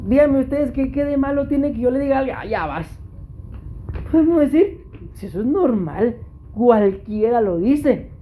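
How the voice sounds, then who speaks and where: A Costa Rican pastor preaches a sermon, frequently calling out to his congregation. His voice is very high with a dark tone, delivered at normal speed, and a little hiss or hum is present.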